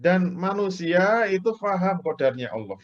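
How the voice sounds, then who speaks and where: A man's voice: sits high, sing-song, unhurried. A man preaching an Islamic lecture, explaining everyday examples and acting out people's prayers, tinged speech. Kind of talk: religious lecture. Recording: dull lo-fi lecture recording.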